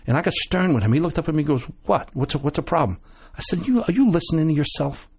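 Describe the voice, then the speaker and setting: A man guest on a radio show, telling animated stories with many restarts and acted-out quotes. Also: a little high, quick pace, breathy edge. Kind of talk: casual storytelling chat.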